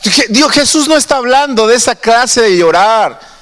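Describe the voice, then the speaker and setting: A man preaches in a high, bright voice, and a long reverb trails behind each phrase. He keeps it conversational and turns to the congregation with questions. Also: lively intonation, normal speed. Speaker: pastor. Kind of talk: sermon. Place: church.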